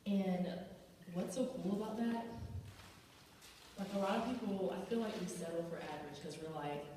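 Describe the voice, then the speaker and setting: A woman's voice: fairly low pitch, normal speed, mellow, a little hiss or hum. A young woman in her twenties giving a casual youth sermon, chatty and full of "like" and "y'all". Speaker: youth ministry speaker. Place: large banquet hall. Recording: echoey hall from far off.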